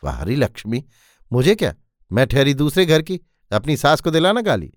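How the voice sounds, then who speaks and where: A man voicing a meddling, sharp-tongued older aunt in a spoken story, taunting and scolding. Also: mid-range voice, wildly swooping pitch, normal speed, dry recording, clean studio sound. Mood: offended.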